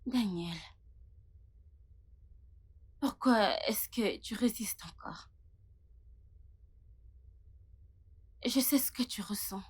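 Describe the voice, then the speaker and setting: A high-voiced brazen seductress. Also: female voice, expressive, measured pace. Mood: taunting. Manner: taunting, mocking laughs. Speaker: character in a dubbed film. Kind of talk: dubbed film acting.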